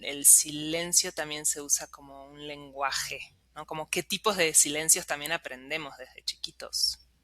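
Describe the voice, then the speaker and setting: Host, bright and forward tone, dry close sound, curious and thinking aloud. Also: medium pitch, steady tone, measured pace, dry recording. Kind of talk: conversational interview.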